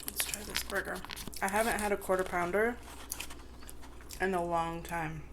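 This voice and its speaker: A woman's voice: fairly low pitch, steady tone, moderate pace, background noise. A woman chatting casually to viewers on an eating show, chewing as she talks and eating between phrases. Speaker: mukbang vlogger.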